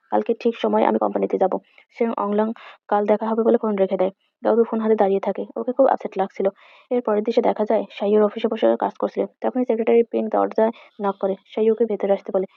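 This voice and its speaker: A woman's voice: mid-range voice, gravelly, dry recording, dull audio. A woman narrating a drama episode recap as a story, reading every character's lines in nearly her own voice. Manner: reads all characters' lines in her own voice with little change.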